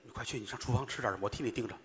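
A man performing crosstalk, telling a story with animated delivery and acting out voices. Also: mid-range voice, very fast, long reverb tail, a little hiss or hum.

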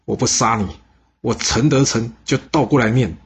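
A man's voice: mid-range voice, moderate pace, husky. A man voicing a hot-headed ancient army commander who rages and threatens. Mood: raging. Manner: raging, threatening.

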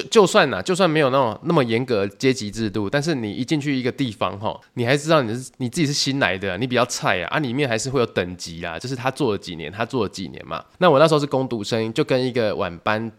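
A man with a Taiwanese Mandarin accent hosts a solo podcast, rattling off stories at a brisk clip. His pitch sits at a middling height for a man. He slips into quick impressions of the people in his tales. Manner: lively anecdotes, acting out quoted voices. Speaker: podcast host. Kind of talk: casual storytelling monologue.

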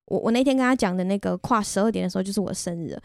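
A woman with a Taiwanese Mandarin accent tells a story about herself on her podcast, quick and chatty. She is candid and pokes fun at herself. Her voice sits at a middle pitch and sounds dry and close, with no room around it. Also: gravelly, no echo. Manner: candid, chatty and self-deprecating. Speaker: podcast host. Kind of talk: casual personal storytelling monologue.

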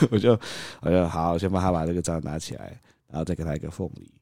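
A man's voice: low voice, fast, vocal fry, no room sound, clean studio sound. A father, co-hosting a podcast and animatedly acting out a story about his toddler, laughing as he goes. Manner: animated, acts out scenes, laughs often. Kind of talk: casual storytelling chat.

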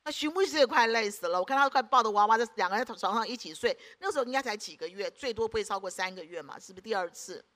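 High, bright-voiced woman preaching. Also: expressive, very fast, hardly any pauses. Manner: emphatic, keeps asking the congregation rhetorical questions. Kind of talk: sermon.

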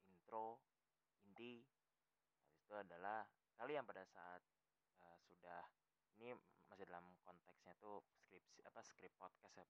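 A young adult man from Jakarta, Indonesia, with a Betawi accent hosts a podcast, talking in a loose, rambling, casual way packed with fillers and self-corrections. His voice is deep with a fairly bright tone, and there's no echo.

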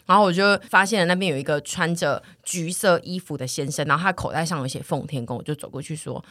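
A woman's voice: deep voice, quick pace, no room sound. A woman, co-hosting a podcast and telling a story in casual chat, acting out the people in it. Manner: lively storyteller who acts out quoted people. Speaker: podcast co-host.

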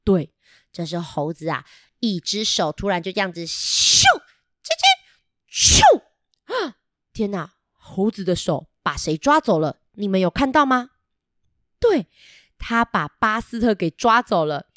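A woman with a Taiwanese Mandarin accent reading a picture book aloud to children, asking them lively questions. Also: medium pitch, unhurried, pauses often, no echo, clean studio sound. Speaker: children's storyteller.

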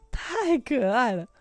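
A woman's voice: on the high side, dry recording. An older woman, hosting a podcast and telling stories casually, with frequent laughter. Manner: laughs often, animated anecdotal telling. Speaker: podcast host. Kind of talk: casual storytelling.

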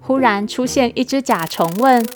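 A woman host reading a picture book aloud to children, in a gentle, coaxing manner. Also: a little high, moderate pace, soft background music. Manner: gentle, coaxing, addressing kids.

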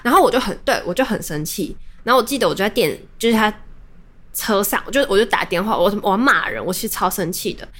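A woman's voice: medium pitch, animated, fast talker, fairly bright tone. A young adult woman, hosting a podcast and telling a personal story in a casual, rambling way with many restarts. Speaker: podcast host.

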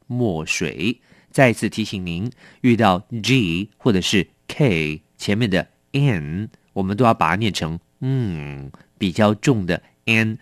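Male, middle-aged, vocabulary teacher, low voice, dry close sound, careful word by word, quicker asides. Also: dry recording. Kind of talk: explaining a word list.

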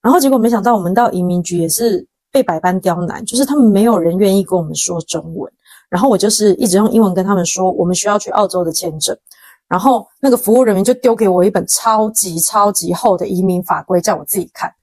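A young Taiwanese woman hosts her own podcast, telling a story at a rapid clip and acting out the lines of the people in it. Her Taiwanese Mandarin accent comes through plainly, and the close mic sounds dry, with no room around her. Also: mid-range voice, slightly rough, dry recording. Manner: animated, dramatic retelling with quoted dialogue and slang. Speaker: podcast host. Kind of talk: casual storytelling monologue.

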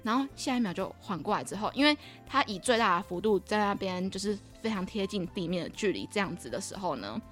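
A woman's voice: mid-range voice, fast, hardly any pauses, soft background music. A young woman co-hosting a casual podcast, telling a story with lots of laughter and acted-out quoted lines. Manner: animated, laughing often, acts out quoted lines. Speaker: podcast co-host.

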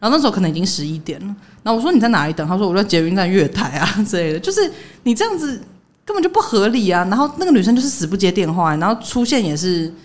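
A woman's voice: medium pitch, racing. A woman, co-hosting a podcast in casual chat and telling stories animatedly. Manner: animated storytelling, laughing, acting out quoted lines. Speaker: podcast co-host.

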